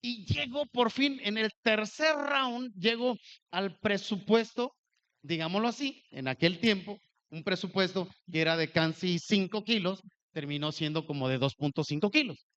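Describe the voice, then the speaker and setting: A man preaching a sermon, telling a personal story with animated delivery and acting out the dialogue. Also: sits high, moderate pace, smooth, lo-fi sound.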